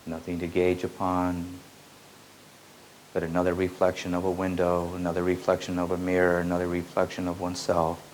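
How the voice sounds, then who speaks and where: Slowly and meditatively, a very low-voiced man offers spiritual teaching, his phrases returning again and again like a chant. His pitch hardly shifts and his delivery is completely flat, captured in a rough recording with faint tape hiss underneath.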